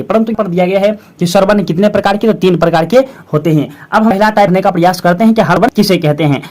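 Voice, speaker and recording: A teacher giving a grammar lesson to schoolchildren, often calling them children and friends and repeating each definition twice in a slow, steady way. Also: mid-range voice. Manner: calls students 'children' and 'friends' often.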